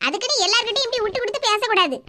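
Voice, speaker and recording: A woman's voice: very high voice, rapid-fire, heavy background noise. Woman voicing a stern older aunt with a Kanyakumari accent. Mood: lecturing. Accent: Kanyakumari Tamil. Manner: scolding, lecturing. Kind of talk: animated cartoon voice acting.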